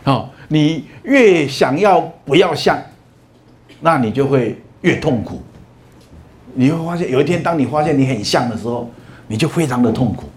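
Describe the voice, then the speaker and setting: A middle-aged man gives a university lecture full of stories, stretching out many "ah" and "oh" fillers. His medium-pitched voice is expressive, with slight background noise.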